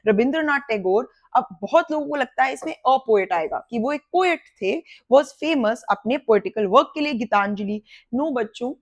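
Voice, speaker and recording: A woman English teacher, explaining exam questions in Hindi mixed with English and slowing down to read example sentences aloud. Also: a little high, lively intonation, no room sound. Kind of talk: exam-prep lesson explaining answers.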